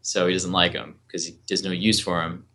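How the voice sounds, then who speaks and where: A man's voice: low voice, flat delivery, a little fast, sharp tone. A man co-hosting a casual podcast chat, wry and joking, swearing casually. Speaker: podcast co-host.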